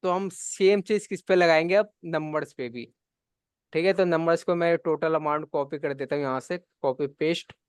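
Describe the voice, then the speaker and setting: A computer class instructor patiently guides a live online spreadsheet lesson, checking in often along the way. His voice is on the high side, clear and resonant, with fairly even intonation at a normal pace, recorded at studio quality without echo.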